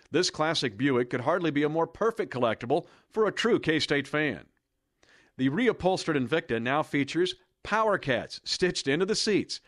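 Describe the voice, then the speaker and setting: A man's voice: a little high, fairly bright tone, no echo, clean studio sound. A man reading an enthusiastic scripted promo voice-over in an announcer's delivery. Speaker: promo narrator.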